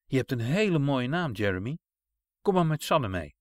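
A man's voice: mid-range voice, very animated, normal speed, no echo, natural voice. A man reading a story aloud and voicing a kind woman who soothes a frightened little boy. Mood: gentle. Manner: soft, soothing, coaxing. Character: kind gentle woman caring for children.

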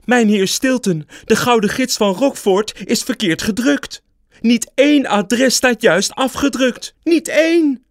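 A man voicing a panicking female mouse editor, shrill and breathless, close to tears, in a storybook reading. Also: unhurried, gravelly, no echo, full character voice. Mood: alarmed.

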